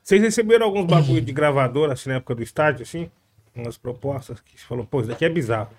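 A man's voice: medium pitch, expressive, very fast. A man interviewing casually, asking informal questions full of slang.

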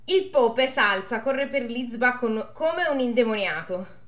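Sex: woman. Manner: animated storyteller. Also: a little high, measured pace, roomy sound. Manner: animated, laughing asides. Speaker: story reader. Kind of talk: casual reading of a bawdy folktale.

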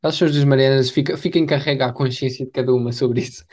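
Fast-talking young man. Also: mid-range voice, fairly even intonation, darkish tone. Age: young adult. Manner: slangy, emphatic repetition. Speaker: podcast co-host. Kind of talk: casual chat.

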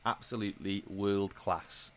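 A man's voice: on the low side, steady tone, fairly bright tone. A man, co-hosting a podcast and chatting casually and jokily. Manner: chatty, jokey, quick asides. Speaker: podcast co-host. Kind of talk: casual chat.

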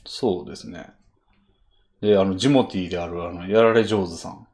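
A man's voice: sits low, a little fast, a little mellow. A man with a Kansai accent hosting a casual chat podcast, enthusiastic and laughing often. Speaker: podcast host.

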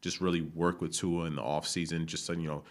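Man, very deep voice, casual sports talk, laid-back, lots of fillers. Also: little pitch movement, brisk. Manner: laid-back, fills with "you know", swears casually.

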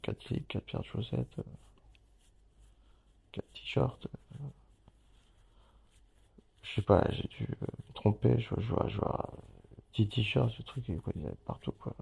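A man's voice: lowish voice, big pitch swings, measured pace, creaky, pauses often, dark tone, a little hiss or hum. A man recording a casual audio diary from a hospital, rambling, swearing often and laughing as he talks. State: hospital patient. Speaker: podcast host.

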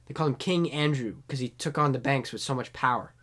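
A man's voice: mid-range voice, fast talker, a bit bright. Young guy, casual podcast co-host, crude rambling banter. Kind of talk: casual chat.

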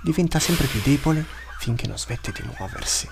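A huge, brutish male beast, as a male narrator puts him on thinks aloud in terse, broken scraps of speech. The voice sits higher than the narrator's own and is rough and gravelly, with a faint hiss under it. It suits an audiobook of a fantasy tale. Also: wildly swooping pitch, normal speed. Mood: gloating. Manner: terse broken inner monologue.

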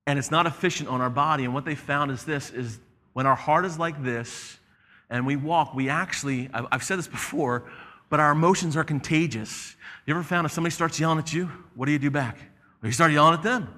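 A fairly high, bright and forceful male voice delivers a sermon from the pulpit. He preaches in an animated, conversational way and slips into voices for the people in his story. The sound rings with the long reverb of a large church hall. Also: brisk. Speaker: pastor.

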